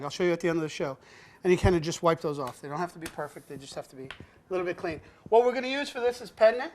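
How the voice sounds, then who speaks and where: Joking man teaching a child to cook. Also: high voice. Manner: joking, laughs often, talks to a child as "buddy". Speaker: cooking show host. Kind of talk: teaching kids to cook, playful banter.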